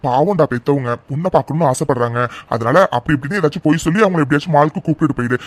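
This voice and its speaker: A man's voice: on the high side, racing, dry recording, voice pushed down, natural voice. A man voicing a blunt young best friend in a cartoon who scolds and bosses his pal. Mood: blunt, scolding. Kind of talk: cartoon voice acting.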